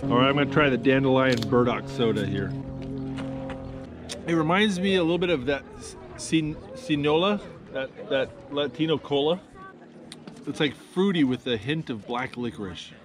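A man's voice: mid-range voice, moderate pace, over music. A man, hosting a family travel vlog, chatty and upbeat, filmed on an action camera outdoors. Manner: upbeat, chatty, laughs often. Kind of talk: casual vlog narration. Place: outdoors in towns and countryside. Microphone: action camera at arm's length.

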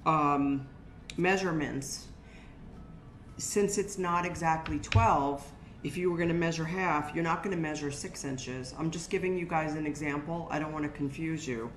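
A woman's voice: deep voice, moderate pace, a little hiss or hum. An older woman running a casual hands-on craft demonstration, explaining steps plainly to viewers. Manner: chatty, practical, talks to viewers as "guys". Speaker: shop owner teaching a craft workshop. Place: indoor shop workspace with brick wall. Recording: roomy, faint music behind.

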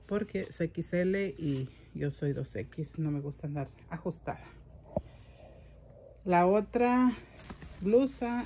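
A middle-aged woman vlogger rambles through a casual gift-haul chat in a room at home, often repeating her words. Her voice is deep and mellow, with a little hiss or hum on the recording.

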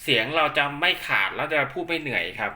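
A man with a slightly high, sharp voice talks fast and animatedly while demonstrating equipment. As the instructor, he explains step by step in a casual hands-on tutorial, sprinkling in repetitive polite particles.

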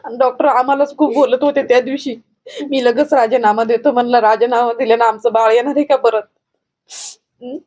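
A woman's voice: a little high, darkish tone. A middle-aged woman, giving a grieving, urgent account in a news interview. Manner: grieving, urgent, recounting in detail. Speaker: bereaved grandmother interviewed.

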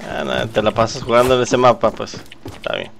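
A man with a Mexican accent playing a shooter game, excitable and trash-talking. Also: medium pitch, a little fast, creaky. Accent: Mexican Spanish. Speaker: gamer. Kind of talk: casual gaming chat. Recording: game music and gunfire behind.

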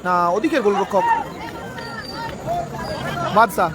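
A man giving frantic live football commentary outdoors, excitable and repeating names and exclamations. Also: sits high, slow pace. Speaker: live football match commentator and stream host. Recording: noisy outdoor ground with loud crowd. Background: loud crowd and outdoor noise.

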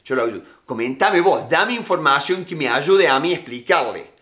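A man acting out a soft-spoken, reassuring good cop in an interrogation, speaking. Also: a little high, animated, normal speed. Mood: coaxing. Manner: hushed, confiding, reassuring.

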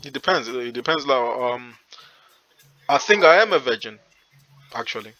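A man's voice: mid-range voice, lively intonation, normal speed, bright, forceful tone, faint music behind. A young man from Zimbabwe on a headset in a small room, teasing a stranger in casual video chat, stammering and swearing often.

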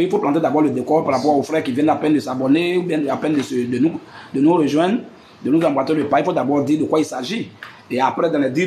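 A man's voice: on the high side, darkish tone, a little hiss or hum. A man hosts a live religious debate, asking rhetorical questions and repeating "hein". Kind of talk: live stream preaching to followers.

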